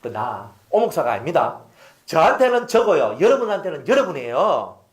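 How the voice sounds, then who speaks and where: Animated male pastor. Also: on the high side, a little fast. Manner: animated, acts out quoted speech, asks the congregation questions. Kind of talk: sermon.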